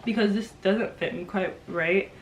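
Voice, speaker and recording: A woman's voice: mid-range voice, slight background noise. Stuffy-nosed young woman chatting casually. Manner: informal, halting, with frequent "like". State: stuffy nose from a cold, slightly nasal. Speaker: sewing vlogger.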